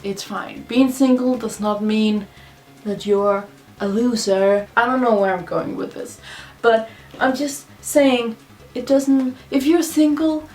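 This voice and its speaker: A woman's voice: a little high, slow pace, a little mellow. A drunk woman who is not a native English speaker, rambling casually and confessionally in a video blog, often repeating herself. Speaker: video blogger. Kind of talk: casual rambling monologue to camera.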